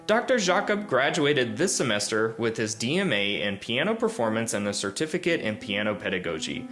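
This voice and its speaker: A man's voice: medium pitch, brisk. A man hosting a school music program, reading an introduction and asking interview questions with some hesitant fillers. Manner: lively intonation, hesitant fillers when asking. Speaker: host.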